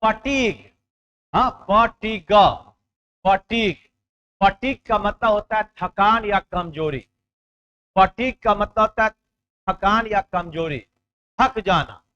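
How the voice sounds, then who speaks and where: A man with a high-set voice runs an exam-prep vocabulary lesson. He explains in Hindi and slows down to read out English words and definitions. He keeps checking in with his students, and the recording sounds slightly dull and lo-fi. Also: pushed and bright.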